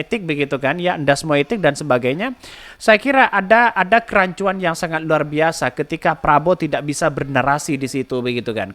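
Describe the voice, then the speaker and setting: A man's voice: a little high, a bit bright. A man hosting a podcast, giving a rambling political commentary full of rhetorical questions and repeated filler tags. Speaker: podcast host.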